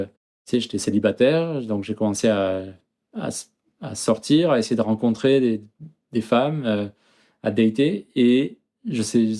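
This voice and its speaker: A man's voice: mid-range voice, mellow. A man from France in his thirties, talking casually as an interview guest, hesitant with many fillers and restarts.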